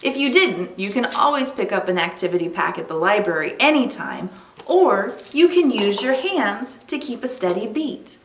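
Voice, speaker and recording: A woman's voice: medium pitch, lively intonation, normal speed. A woman leading an interactive lesson for young children in an encouraging, sing-song kindergarten teacher voice. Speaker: children's library program presenter. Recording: roomy echo, faint background noise.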